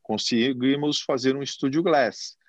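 A man who manages a TV station, answering interview questions in a reflective, expressive way and gesturing as he talks, recorded in a TV recording studio. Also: medium pitch, unhurried, no echo, highs cut off. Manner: expressive, speaks with his hands.

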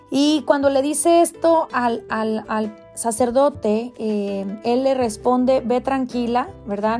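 A middle-aged woman from Mexico with a Mexican Spanish accent, a life coach sharing a devotional reflection in a conversational way, pausing and restarting often. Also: on the high side. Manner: warm conversational, many hesitations and restarts.

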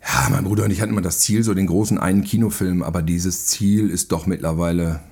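A low, husky, slightly mellow male voice, fast with vocal fry and fairly even intonation. He's a film director and radio play writer appearing as a podcast guest, casually spinning rambling, self-deprecating anecdotes.

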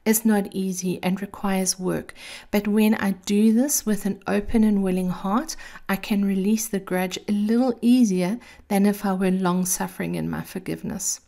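A woman's voice: medium pitch, steady tone, moderate pace, dark tone. A woman hosting a scripted motivational monologue in a sultry, intimate femme-fatale manner, with a sweet voice. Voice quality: sweet, creaky. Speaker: host of a daily encouragement series.

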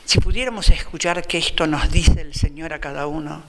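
A man with an Argentine Spanish accent speaks in a fairly high, slightly bright voice at a somewhat quick pace, with a long reverb trailing behind. He is a Franciscan friar delivering a reflective sermon, often repeating phrases for emphasis.

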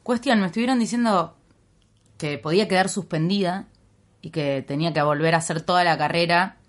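Brief: young Argentine woman, Rioplatense accent, lively storyteller on a podcast, slightly low voice, acts out every line she quotes. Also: a little fast. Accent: Rioplatense Argentine Spanish. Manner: animated storyteller, acts out dialogue, swears freely. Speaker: podcast guest. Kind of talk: casual chat.

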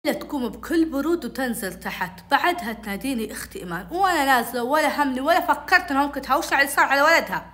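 A woman telling a childhood story in casual storytelling, animated and acting out each voice. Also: sits high, rapid-fire, few pauses. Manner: animated, acts out every voice.

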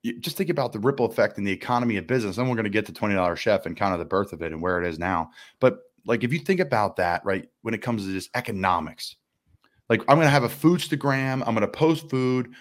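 A man with a somewhat low voice hosts a relaxed conversational interview. He riffs enthusiastically, jumping between quick asides and examples. He sounds like he's in his twenties. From United States. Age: 20s. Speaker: podcast host. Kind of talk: casual interview chat.

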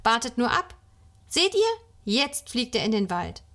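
A woman voicing a calm, patient father explaining things to his children. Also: on the high side, unhurried, heavily acted.

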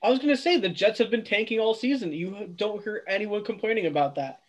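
A man's voice: high-pitched, fairly quick, rough recording. A young man co-hosting a sports podcast, mocking and indignant in casual chat. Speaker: podcast co-host.

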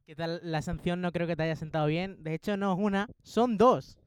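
A young man playing a joking sports commentator among friends, breaking into loud shouts. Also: high-pitched, moderate pace, smooth. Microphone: headphones and mic.

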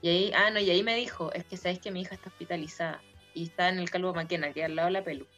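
A woman with a Chilean accent, chatting casually and telling animated, slang-heavy stories. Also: on the low side, very fast. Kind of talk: casual chat. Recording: dull lo-fi audio with faint music.

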